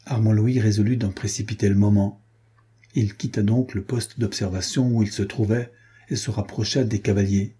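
Low, husky-voiced man for historical novel narration; dark tone, even pacing. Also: normal speed. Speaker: audiobook narrator.

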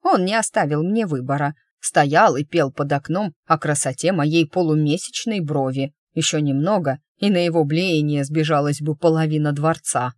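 A woman playing a gruff, hot-tempered noblewoman. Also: deep voice, normal speed, hardly any pauses, no echo, clean studio sound, natural voice. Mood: grumbling. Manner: gruff, growling, forceful. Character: fierce young noblewoman, blunt and hot-tempered. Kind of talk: audiobook character voice.

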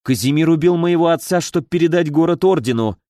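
A man's voice: fairly high pitch, brisk, warm tone, no echo, clean studio sound, pitched above the performer's own voice, natural voice. A man voicing a resolute young princess. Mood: accusing. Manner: firm accusing speech.

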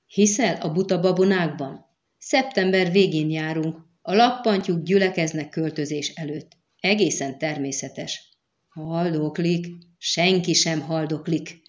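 A woman's voice: deep voice, highs cut off, lightly acted. A woman voicing a fierce, hot-tempered young sorceress who scolds sharply, in an audiobook reading. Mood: scolding.

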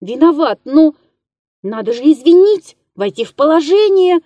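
A woman's voice: high voice, very animated, normal speed, dark tone, no echo, highs cut off, voice pushed up. A woman voicing an offended, self-pitying man who speaks in an indignant, bitter tone. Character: offended, self-pitying middle-aged male landlord.

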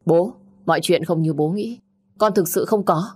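A woman's voice: on the low side, moderate pace, darkish tone, breathy edge. A woman voicing a desperate young man. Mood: pleading. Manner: pleading, defensive. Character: young man, desperate son pleading innocence.

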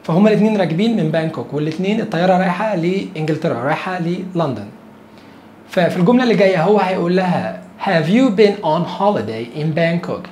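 A man with an Egyptian Arabic accent hosting a beginners' English lesson, chatty and explanatory, slowing right down to model English phrases. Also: high voice, a little mellow. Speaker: English teacher and host. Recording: echoey room with faint noise.

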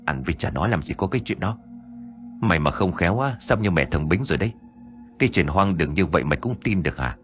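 A man voicing a scornful young man who snaps in a hushed, scolding way. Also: deep voice, lively intonation, fast talker, soft background music.

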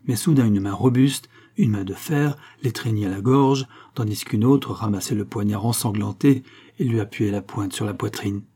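A man narrates an audiobook in a measured, dramatic storytelling style. His voice is low and dark with a husky grain. The telling is steady and deliberate.

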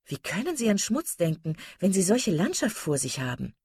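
A woman's voice: very animated, moderate pace, darkish tone, breathy edge, no room sound, clean studio sound, exaggerated voice. A woman reading an audiobook voices a passionate, dreamy young woman who gushes and exclaims. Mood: eager. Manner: gushing, exclamatory, rising high. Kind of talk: audiobook character voice.

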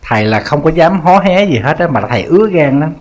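A man with a Southern Vietnamese accent and a slightly high voice preaches to his congregation. He tells stories in a lively, teasing way, full of humor. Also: brisk. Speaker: Buddhist monk. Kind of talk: humorous sermon storytelling.

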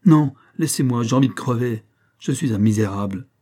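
A man's voice: mid-range voice, moderate pace, mellow, natural voice. A man reading the part of a proud, poor male village schoolmaster who bursts out in agitated protest, in an audiobook. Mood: exasperated. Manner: agitated, exasperated outbursts.

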